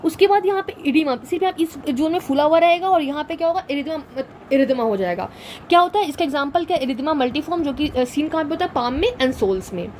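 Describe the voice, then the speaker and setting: A woman's voice: high-pitched, lively intonation, a little fast, a little mellow, a little hiss or hum, low-quality recording. A woman teaching a medical class, explaining step by step, asking and answering her own questions as she draws diagrams. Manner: draws diagrams while talking, frequent "theek hai na". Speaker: medical lecturer. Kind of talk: classroom lecture, mixing Hindi and English.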